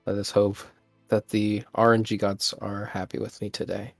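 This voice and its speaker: A man playing a tabletop game, describing his character's actions in a hesitant way with many pauses. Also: on the low side, flat delivery, creaky, dry recording, soft background music. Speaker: player.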